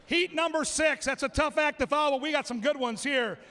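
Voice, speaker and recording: A man calling live races as a track announcer, excitable and shouting out the calls and names. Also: very high voice, fairly quick. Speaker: race announcer. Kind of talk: live race-call commentary. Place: racetrack.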